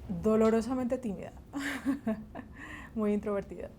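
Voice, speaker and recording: A Colombian woman in middle age, who plays bass and teaches music, talks about her life during an interview. She laughs often and pauses between phrases, her voice mellow against a faint hiss or hum.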